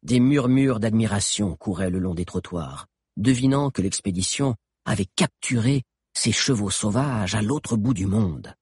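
A man's voice: lowish voice, unhurried, breathy edge, dry recording, clean studio sound. A man reading a novel aloud as scripted narration, telling the story expressively. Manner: expressive storytelling, voices characters. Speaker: audiobook narrator.

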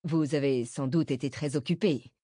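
A woman's voice: low-pitched, moderate pace, warm tone, no echo, clean studio sound. A woman reading the part of a courteous, cheerful man, a father out with his son.

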